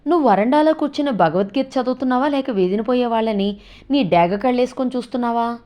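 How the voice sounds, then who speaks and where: A woman's voice: a little high, fast, dark tone, pitched above the performer's own voice, close to an everyday voice. Woman voicing a defiant young college girl. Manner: snappy, sarcastic. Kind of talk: storytelling with character voices.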